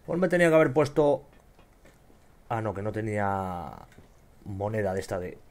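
Excitable Spanish gamer swearing at enemies. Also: male voice, lowish voice, moderate pace. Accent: Spain Spanish. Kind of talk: gameplay commentary.

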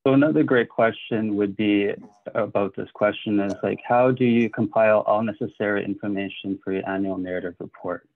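A man presenting a webinar over a video call, leading a group exercise in a halting way with apologetic fillers. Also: on the low side, fairly even intonation, dry recording. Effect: heard over a video call. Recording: dry, tinny video call audio.

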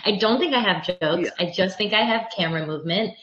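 A woman's voice: mid-range voice, fast talker, a bit bright. Woman comic rambling about her jokes, echoey and kinda muffled. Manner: rambling, self-deprecating. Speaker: comedian panelist. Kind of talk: casual panel chat. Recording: echoey dull lo-fi audio.

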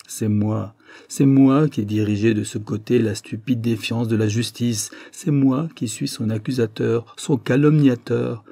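Unhurried and steady, a man reads an audiobook in a mid-range voice that is gravelly and warm, captured in a dry recording. His character is a guilt-ridden young man in anguish, confessing with torment that builds to desperate outbursts.

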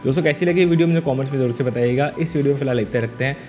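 A young man speaks straight to camera in a chatty, animated explainer style, his voice sitting at an ordinary middle pitch. He is close on a lapel mic indoors, with light music playing underneath. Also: racing. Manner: chatty and animated, gestures while talking. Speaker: vlogger. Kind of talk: casual explainer vlog.

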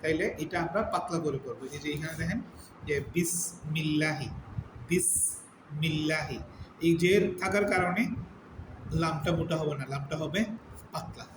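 A man with a slightly high voice teaches a religious lesson, going over each term again and again. He slows right down to stretch out the recited words. The recording is echoey, with a steady background noise. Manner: explains step by step, repeating terms and drawing out recited words slowly. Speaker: Quran teacher. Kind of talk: religious lesson on word meanings and recitation rules.

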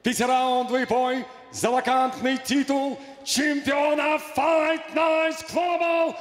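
An older man working as a ring announcer, formally and theatrically announcing a fight with drawn-out shouts. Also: very high-pitched, flat delivery. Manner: grand, theatrical, building to shouts. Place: cage in a large indoor arena. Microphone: handheld microphone. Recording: echoey arena PA with long reverb.

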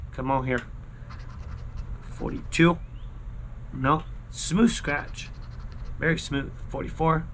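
This scratch-ticket video host, a man in his thirties, speaks at a fairly high pitch with a fairly bright tone. He's filming outside at his backyard pool and screened patio, chatting casually with lots of slang and repeated catchphrases, with slight noise in the background.

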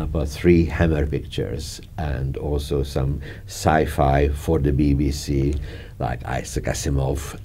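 An older film director with a Hungarian accent reminisces about his work in an interview, seated in an armchair in a dark studio. His very low voice is warm, mellow and husky. He's chatty, chuckling and gesturing, his halting phrases circling back on themselves.

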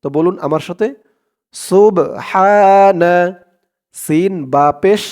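A man's voice: fairly high pitch, expressive, moderate pace, a little mellow. A man teaching prayer recitation, spelling it out syllable by syllable and drawing out the Arabic words. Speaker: Quran teacher.

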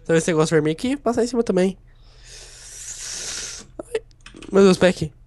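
A man from Brazil chatting while playing a video game, excitable and given to wailing when he loses. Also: high-pitched, moderate pace, dry recording. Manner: excitable, yells and wails when losing. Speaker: gamer co-host. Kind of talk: casual gameplay banter.

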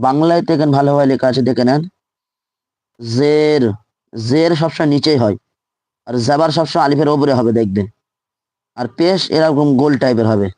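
A man's voice: on the high side, dark tone, dry recording. A man teaching Quran reading in a live online lesson, drilling letters and syllables aloud and repeating each one patiently.

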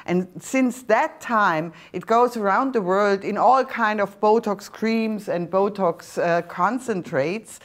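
A middle-aged woman with a German accent, a skincare doctor presenting a serum on a TV shopping channel, explaining in slightly halting non-native phrasing. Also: medium pitch. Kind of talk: TV shopping product demonstration. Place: TV studio set. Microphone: lapel mic.

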